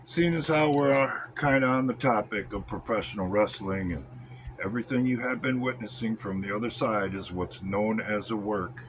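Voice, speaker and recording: A man's voice: fairly low pitch, moderate pace, slight background noise, poor audio. An American man delivering a blunt, scornful, coarse-mouthed rant in the style of a wrestling promo, drawing out words for emphasis.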